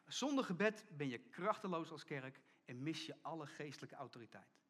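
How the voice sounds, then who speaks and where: A middle-aged man preaching a sermon as pastor, telling a story and acting out the people in it, often dropping to a hushed tone for emphasis. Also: on the high side, lively intonation, moderate pace. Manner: storytelling preacher, acts out quoted voices, drops to hushed emphasis.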